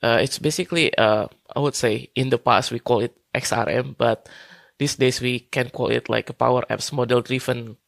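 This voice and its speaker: Hesitant gravelly man from Indonesia. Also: mid-range voice, steady tone, normal speed, a bit bright, no echo. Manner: hesitant, many fillers and restarts. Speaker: guest consultant. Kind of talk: casual interview talk.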